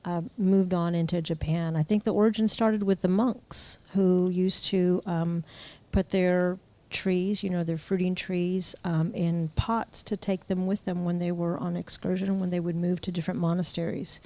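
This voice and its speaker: A woman with a low, mellow voice answers questions as an interview guest. She talks hesitantly, with many ums and restarts. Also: little pitch movement, moderate pace. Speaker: guest, bonsai expert.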